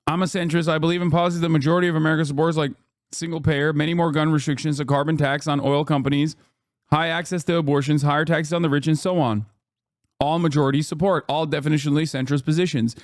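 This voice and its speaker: A man's voice: fairly high pitch, fairly even intonation, fast talker, no echo, studio quality. A man streaming a reaction, ranting heatedly about politics with heavy swearing and emphatic repetition. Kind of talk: live-stream reaction rant.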